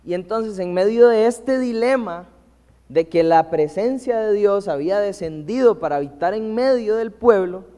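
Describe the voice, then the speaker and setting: A man with a fairly high voice preaches a teaching sermon, putting questions to the congregation and slowing down to read scripture aloud. His voice carries a long reverb from a church hall. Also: warm tone.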